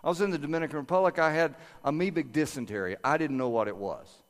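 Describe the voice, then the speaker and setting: An older man preaching a sermon and praying aloud, earnest, moving from quiet prayer to lively storytelling. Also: on the high side, quick pace. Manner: earnest, prays aloud softly then preaches with rising energy. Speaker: pastor. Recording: long reverb of a large hall.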